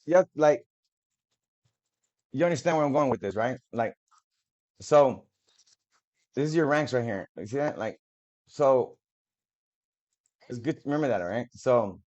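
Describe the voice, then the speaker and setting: A man's voice: medium pitch, expressive, a little slow, long pauses, darkish tone. A man reading official documents aloud to the camera, stumbling over words and breaking off for casual, profane asides. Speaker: video creator. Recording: dull lo-fi audio.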